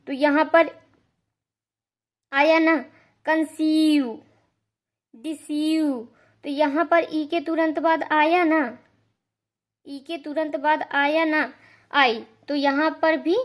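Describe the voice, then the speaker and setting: A woman teaching English pronunciation rules, explaining slowly and patiently, repeating each rule and spelling out example words. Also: sits high. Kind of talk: slow classroom-style explanation.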